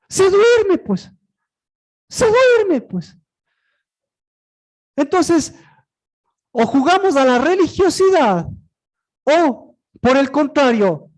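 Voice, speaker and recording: A preacher giving a sermon, asking and answering their own rhetorical questions, with sudden swings from loud high cries down to low murmurs. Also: poor audio.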